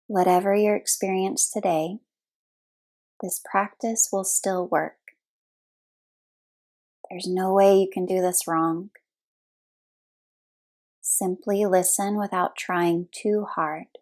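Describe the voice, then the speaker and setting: A yoga nidra instructor guides a relaxation meditation, her medium-pitched voice steady and a little mellow. She speaks soothingly in short, unhurried phrases, leaving long pauses between them.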